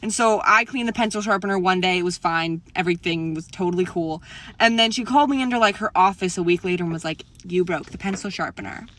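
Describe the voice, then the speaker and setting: A woman's voice: on the low side, fast talker, a bit bright. A woman telling a school story in an eager, indignant way. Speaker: TikTok creator. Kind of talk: casual storytelling to camera.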